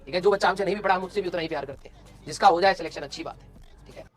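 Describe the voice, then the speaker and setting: Fast-talking motivational male teacher. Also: sits high, faint music behind. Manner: blunt, scolding yet encouraging, asks "clear?". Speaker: coaching teacher. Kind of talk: motivational class talk.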